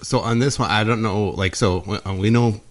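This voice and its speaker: A man co-hosting a casual podcast chat, halting with restarts and fillers, often laughing. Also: on the low side. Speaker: podcast co-host.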